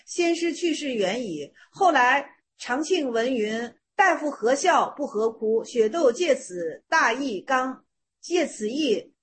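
High-voiced woman explaining Zen koans. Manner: colloquial and animated, reads classical text slowly. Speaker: teacher.

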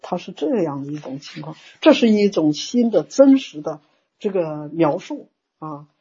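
A woman teaching a Buddhist Dharma talk in an animated, exclamatory way, acting out inner thoughts. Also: sits low, moderate pace, breathy edge, dull audio.

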